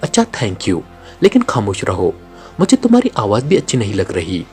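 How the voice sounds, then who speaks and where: Snappish female boss of the villains, read by a male narrator for an audiobook, low and hard. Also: huge pitch swings, moderate pace, faint music behind. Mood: curt. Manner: stern, snapping. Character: harsh, commanding female villain leader.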